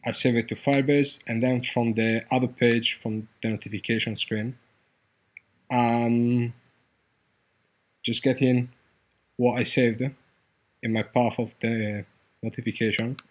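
Male tutorial host, casual coding walkthrough, mid-pitched, halting and filler-heavy delivery. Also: flat delivery. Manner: loose, hesitant, many fillers and restarts.

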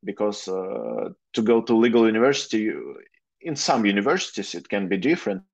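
A young man in his twenties with a Russian accent and a fairly low voice answers questions over a video call. He hesitates often and fills gaps with "uh". The audio is dull and lo-fi. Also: sing-song, a little fast, vocal fry. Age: 20s. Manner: hesitant, many fillers, careful non-native phrasing. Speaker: guest lawyer. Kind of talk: interview answers. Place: plain room, indoors.

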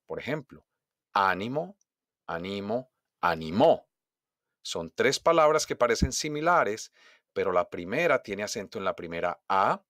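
A man teaching a recorded language lesson, reading words slowly and exaggerating each stressed syllable for dictation. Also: on the low side, fairly bright tone, no room sound, clean studio sound. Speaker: Spanish teacher.

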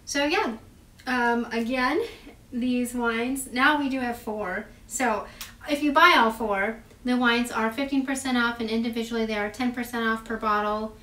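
A woman hosting a casual wine tasting chat, upbeat and chatty with quick asides. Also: on the high side, fairly even intonation, sharp tone. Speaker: wine shop host. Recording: echoey room, far mic, faint noise.

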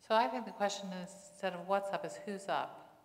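A middle-aged woman pastor preaches a sermon in a church sanctuary, speaking into a lapel mic with a conversational tone and frequent rhetorical questions. Her voice is medium in pitch and brisk, and the recording carries long church reverb.

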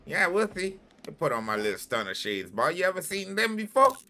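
Excitable man trash-talking. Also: sits high, brisk, slight background noise. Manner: loud, excitable trash talk at enemies. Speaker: gaming channel host. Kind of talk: let's-play commentary.

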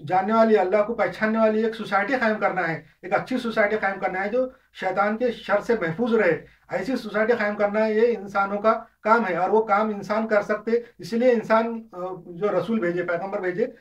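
In a distant, dull lo-fi recording, a male religious lecturer gives an informal lesson, explaining through examples and often hesitating or restarting. His voice sits high, with fairly even intonation, a normal speed, and few pauses.

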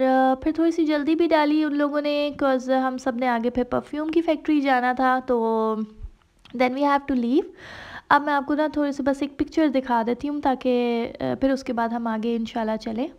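The audio is dull, carrying a high-pitched, slightly mellow female voice. She's a travel vlogger telling the story of her trip in easygoing Hindi-Urdu, chatty and filler-heavy, with English phrases slipped in.

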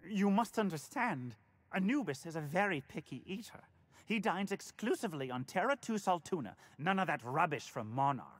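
A man's voice: sits high, sing-song, moderate pace. An actor voicing a fussy, pampering upper-class man who frets over his pet in a game, talking in a prim and anxious way. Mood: fretful. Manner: prim, fretful, posh.

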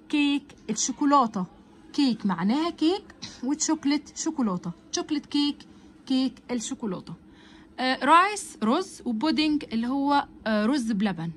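A young woman with an Egyptian Arabic accent teaching English vocabulary, slowly spelling out and pronouncing each word. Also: a little high, slight background noise. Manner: slow, drawn-out spelling and pronunciation of English words. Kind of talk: online lesson explaining vocabulary.

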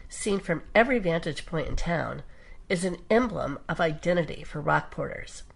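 A woman giving measured, scripted documentary narration. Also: lowish voice, creaky, low-quality recording. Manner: measured, even storytelling delivery. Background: music.

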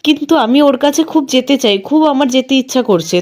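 A woman's voice: high-pitched, a little fast, a little mellow, lightly acted. A woman voicing an anxious, caring woman of the family, read in her plain narrating voice.

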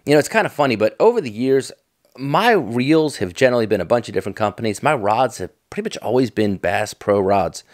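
In a dry, studio-quality recording, a middle-aged American man who vlogs about fishing tackle chats casually and off the cuff. His mid-range voice is brisk with lively intonation, and his manner is folksy, enthusiastic and nostalgic.

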